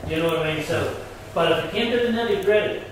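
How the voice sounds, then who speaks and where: A man's voice: high voice, fast. Belfast man explaining in an echoey hall. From Northern Ireland. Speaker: Freemason guide. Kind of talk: casual explanatory chat. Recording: echoey hall from far off, with background noise.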